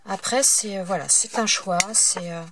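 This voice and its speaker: A woman runs a casual, step-by-step paper craft tutorial from her table, speaking hesitantly with lots of fillers and self-corrections. Her voice is mid-range and her speed normal, with background noise audible.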